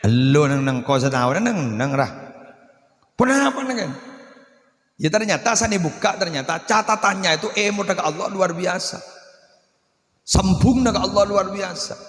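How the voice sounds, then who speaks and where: A man preaching a sermon in a lively, joking manner, often acting out voices. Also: high-pitched, normal speed. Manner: animated, joking, playacting quotes. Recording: echoey hall with long reverb.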